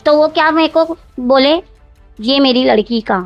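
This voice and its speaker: A woman's voice: high voice, moderate pace, muffled recording, soft background music. A woman, recounting events at length in an interview, often repeating herself and quoting others word for word. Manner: long, rambling, repeats herself, quotes others directly.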